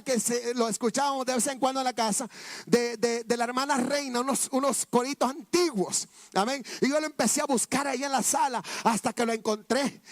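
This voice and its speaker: A man's voice: very high-pitched, no room sound. A man preaching a sermon testimony, fervent and repetitive, often calling out to his listeners as brothers.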